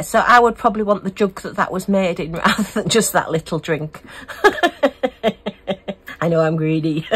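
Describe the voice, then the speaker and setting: A woman's voice: medium pitch, a bit bright, a little hiss or hum. A middle-aged woman from the UK, chatting casually and gushing as she unboxes and reviews craft kits. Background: a small fan humming.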